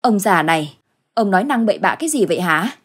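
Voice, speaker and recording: A woman's voice: medium pitch, expressive, fast talker, breathy edge. A woman doing a worried, scolding old village wife. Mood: chiding. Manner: chiding, reassuring.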